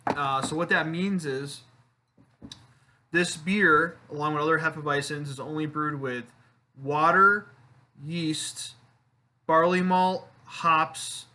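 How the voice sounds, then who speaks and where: A man's voice: a little high, pushed and bright. A man hosting his own beer review channel, chatting casually to the camera with fillers and self-deprecating asides.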